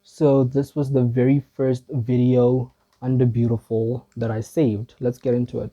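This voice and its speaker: Mellow-voiced man rambling through reactions. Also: medium pitch, flat delivery, unhurried. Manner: rambling, hesitant, self-deprecating. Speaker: video creator. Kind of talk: casual reaction commentary.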